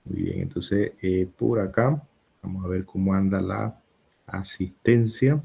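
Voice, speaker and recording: A male teacher slowly taking attendance and talking to his class on a video call. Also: sits low, gravelly, dark tone, husky. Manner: slow, takes attendance, talks to students. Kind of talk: online class.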